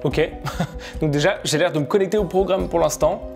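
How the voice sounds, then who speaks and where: A young gaming and tech YouTuber talks into a headset mic for a reaction vlog, jittery and laughing. His voice is a little high, fairly quick and creaky, with music underneath, and he repeats himself when uneasy.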